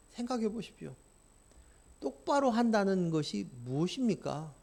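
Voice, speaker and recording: A male pastor preaching a sermon, impassioned and swinging from quiet to loud, often putting questions to the congregation. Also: high-pitched, creaky.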